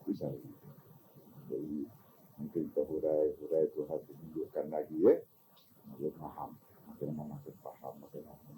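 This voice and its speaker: An older man giving an informal religious talk, animated and teasing, often asking his listeners questions. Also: extremely low pitch, moderate pace, slight background noise, low-quality recording. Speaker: religious teacher.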